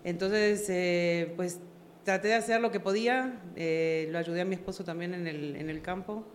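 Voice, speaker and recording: An Argentine woman with a lowish voice tells her story as a podcast guest, hesitating and searching for words at a moderate pace. It's a casual interview chat, with slight background noise.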